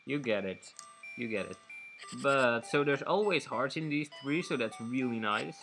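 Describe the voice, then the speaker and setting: Slow, rambling let's-play man. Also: mid-range voice, lively intonation, a bit bright, faint music behind. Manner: rambling, self-correcting, giggly asides. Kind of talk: casual game commentary.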